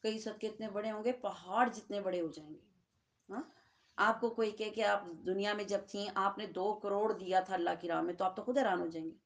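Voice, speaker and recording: A woman's voice: medium pitch, fairly even intonation. A woman with a Pakistani Urdu accent giving a Quran lesson to seated listeners, talking conversationally and often asking the room checking questions. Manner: conversational, asks the audience frequent checking questions. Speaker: Quran teacher.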